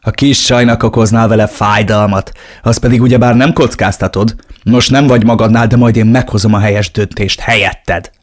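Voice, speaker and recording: A man's voice: fairly low pitch, steady tone, close to an everyday voice. A man voicing a ruthless, mocking cartel henchman in an audiobook. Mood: scornful. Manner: mocking, shouting. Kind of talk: audiobook reading.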